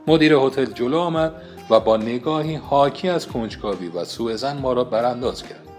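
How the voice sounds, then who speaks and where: A male host reading a novel aloud in a measured, expressive way. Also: medium pitch, soft background music. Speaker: host and reader. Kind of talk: book reading.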